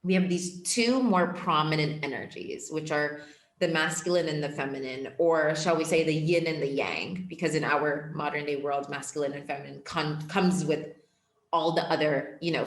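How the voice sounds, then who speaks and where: The recording has a roomy sound, carrying a young adult woman's deep voice at normal speed with fairly even intonation. An empowerment coach born in Portugal and raised in Ethiopia, she's being interviewed on a podcast and speaks casually and earnestly, with many reflective filler words.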